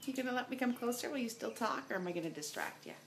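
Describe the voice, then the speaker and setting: A woman talking baby talk to her pet bird in a coaxing, sing-song way at home, in an echoey room with loud noise. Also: a little high, expressive, rapid-fire. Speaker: pet owner. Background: dogs barking.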